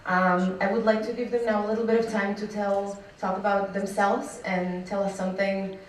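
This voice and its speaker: A woman's voice: medium pitch, little pitch movement, moderate pace, a little hiss or hum. A woman moderating a conference panel, hesitant with fillers, recorded in a hall. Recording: echoey hall, distant mic.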